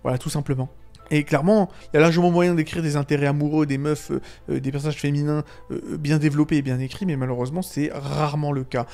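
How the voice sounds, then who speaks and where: A man's voice: fairly high pitch, fairly even intonation, quick pace, a little mellow, faint music behind. A young man giving casual, sarcastic commentary on anime, laughing often and trailing off into fillers and restarts.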